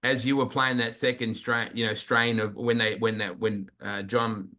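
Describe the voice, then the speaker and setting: An Australian man interviewing a friend, telling stories chattily and getting animated when he recalls them. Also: fairly low pitch, normal speed. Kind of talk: casual chat interview.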